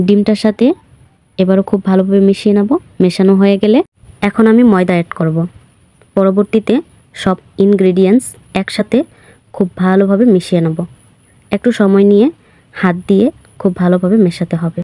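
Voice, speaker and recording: A woman talks through a recipe as the host of her cooking channel. Her voice is mellow and warm, friendly and instructional. The recording is dry and close, with no room sound. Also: medium pitch, no room sound. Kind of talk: recipe voice-over narration.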